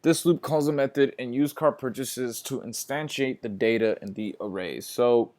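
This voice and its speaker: A male instructor with a medium-pitched, darkish voice teaches a programming class, walking through code step by step. He is casual, sleepy, and yawning, addresses viewers as guys, and repeats steps slowly.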